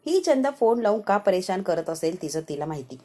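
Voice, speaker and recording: A woman narrating an episode recap in a chatty, lively way. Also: medium pitch, brisk.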